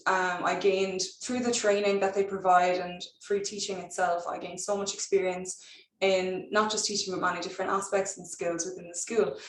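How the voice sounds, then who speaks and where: Young woman, west of Ireland accent, mid-pitched, presenting informally as a recruiter in a roomy, echoey space. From Galway, west of Ireland. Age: 20s. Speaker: recruitment officer. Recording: roomy echo, distant microphone.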